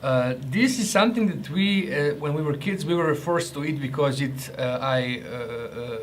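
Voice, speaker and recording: A man's voice: fairly high pitch, normal speed, a little hiss or hum. Joking man tasting rations. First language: Croatian. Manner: chatty, joking, restarts and hesitations. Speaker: ration reviewer. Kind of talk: casual food review vlog.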